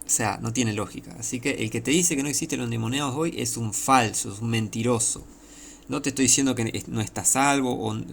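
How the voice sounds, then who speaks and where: Gravelly Argentine preacher. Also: male voice, mid-range voice, slight background noise. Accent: Argentine Spanish. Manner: emphatic, repetitive, many rhetorical questions. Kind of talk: sermon, informal teaching.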